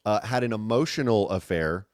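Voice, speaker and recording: Low-voiced man hosting casual gossip chat. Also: brisk, no room sound, studio quality. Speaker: host.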